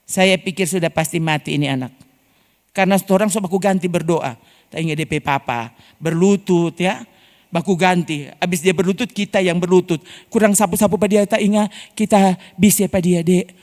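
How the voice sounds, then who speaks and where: A woman's voice: lowish voice, fairly quick, darkish tone. A woman pastor with a Manado Malay accent, telling a personal testimony in a sermon and often addressing the congregation. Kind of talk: storytelling sermon. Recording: long hall reverb.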